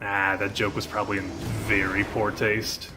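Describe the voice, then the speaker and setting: A man's voice: fairly low pitch, completely flat delivery, normal speed, over music. Joking gamer guy, cave-like echo. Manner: chatty and joking, laughs easily. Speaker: gameplay video host. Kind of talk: casual let's-play commentary. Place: unfamiliar room with poor acoustics, not his usual setup. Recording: cave-like echo from a makeshift recording spot.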